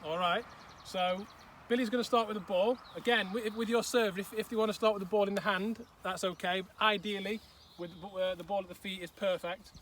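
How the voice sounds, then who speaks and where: A man with a high, slightly bright voice coaches a football drill on an outdoor pitch, talking fairly quickly with mostly even intonation. He explains and demonstrates in an instructive way, saying "okay" and "all right" again and again, and sometimes sounds out of breath. The distant mic picks up outdoor noise.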